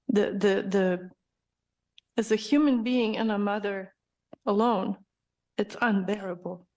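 A woman from Croatia, a mother, giving a halting, emotional public comment at a meeting. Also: mid-range voice, darkish tone. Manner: halting and emotional, with many restarts.

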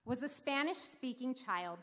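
A woman with a fairly high voice gives a slow, heartfelt speech from a stage. The sound rings with the long reverb of a large hall. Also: animated, fairly bright tone. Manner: heartfelt, slow and deliberate, getting emotional. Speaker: speaker introducing the mayor. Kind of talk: prepared speech at a civic celebration.

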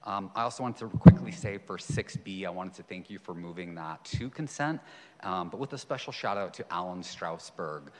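A man giving informal thanks and shout-outs in a public comment at a council meeting. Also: sits low, moderate pace. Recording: echoey chamber with background noise.

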